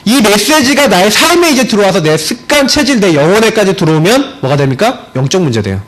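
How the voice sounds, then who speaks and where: Animated high-voiced man preaching. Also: brisk, poor audio. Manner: animated, swings from high emphatic points to low storytelling. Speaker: pastor. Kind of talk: sermon with personal story. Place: church sanctuary.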